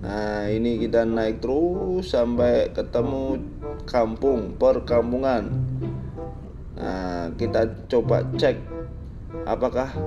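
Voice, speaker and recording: Chatty motovlogger on a bike. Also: male voice, mid-range voice, muffled recording. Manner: chatty, jokey, addresses viewers as "Lur". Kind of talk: riding commentary vlog. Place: on a motorbike on village roads, outdoors. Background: background music.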